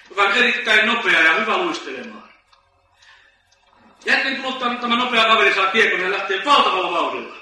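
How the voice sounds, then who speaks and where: High bright preacher in an echoey hall. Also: male voice, recorded from a distance. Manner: slow, emphatic preaching with dramatic story-telling. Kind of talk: sermon.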